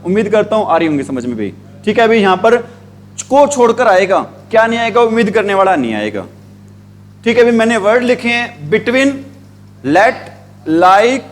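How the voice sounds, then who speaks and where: A man teaching English grammar, asking the same questions again and again and drawing out the words he spells. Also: sits high. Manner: repetitive call-and-response questioning, drawn-out spelled words. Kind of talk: classroom grammar lesson in Hindi.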